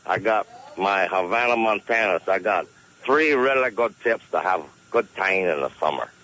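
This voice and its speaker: A scheming, chatty caller mangles his English as he pitches his bright ideas, played by a man. The voice sits fairly low, with a faint hiss running under the radio call-in comedy bit. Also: expressive, normal speed, poor audio. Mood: jokey. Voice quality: broken English. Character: hustling male caller, broken English, folksy schemer. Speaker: comic call-in character.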